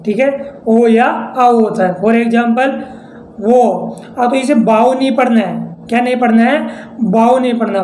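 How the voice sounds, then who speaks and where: A man's voice: extremely high pitch, dark tone. A man from India teaching an English pronunciation class, drilling rules and often asking his students questions back. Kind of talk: classroom-style pronunciation lesson. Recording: echoey room with faint background noise.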